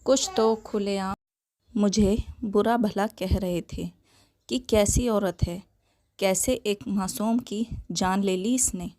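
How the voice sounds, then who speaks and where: A woman narrating a sad story in the first person, in a slow, emotional telling. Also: medium pitch, fairly even intonation, mellow.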